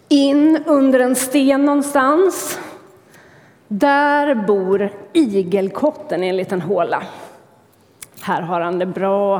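A woman telling a story in church as a sermon, expressive and lively. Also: a little high, big-room sound.

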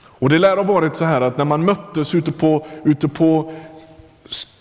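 A man preaching with a fairly high voice, talking to the listener as if in conversation and often starting phrases over. His voice rings out with a long reverb, as in a church hall. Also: a little mellow. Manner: conversational, addresses listener directly, frequent restarts. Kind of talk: sermon.

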